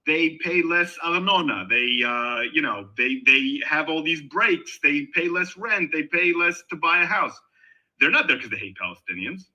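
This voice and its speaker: Middle-aged man from Israel for a voice-chat debate, lively pitch, emphatic with restarts. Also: moderate pace, lo-fi sound. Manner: animated, emphatic, with frequent restarts. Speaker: guest in an online discussion. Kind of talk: casual debate talk. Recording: voice call on a discussion server.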